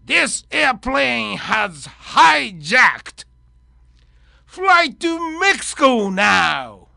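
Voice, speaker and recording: A radio host acting out a hijacker who shouts slow, loud commands in English at a pilot. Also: mid-range voice, big pitch swings, creaky, dry recording, clean studio sound, heavily acted. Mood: threatening.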